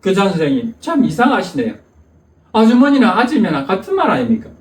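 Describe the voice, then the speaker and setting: A man's voice: high voice, huge pitch swings, brisk, recorded from a distance. A man voicing an exasperated husband who asks the same incredulous question again and again, heard in an echoey church hall. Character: exasperated middle-aged husband questioning a neighbor.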